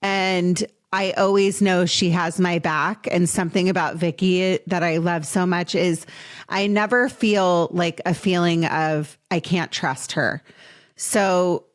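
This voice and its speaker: A woman in her late twenties hosts a podcast interview with a fairly low, steady voice. She speaks earnestly and affectionately to her guest, slowing down in emotional moments.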